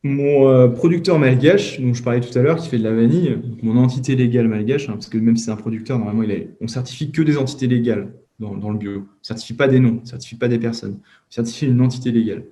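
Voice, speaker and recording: A man's voice: medium pitch, fast, hardly any pauses, dark tone. A man giving an informal training webinar and answering questions, with lots of hesitations. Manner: informal, many fillers and restarts. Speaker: certification trainer.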